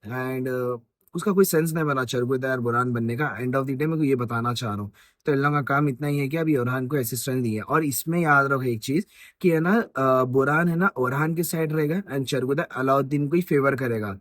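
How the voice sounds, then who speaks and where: A man's voice: medium pitch, brisk, fairly bright tone, dry recording. Man, casual breakdown talk, rambling, self-correcting, dry close sound. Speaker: YouTube host. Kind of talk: casual Hinglish trailer breakdown.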